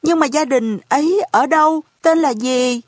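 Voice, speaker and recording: A woman's voice: high-pitched, measured pace, dry recording, studio quality, pitched above the performer's own voice. A woman voicing an anxious orphan boy who pleads urgently in a raised voice. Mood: pleading, anxious. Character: anxious orphan boy searching for his family.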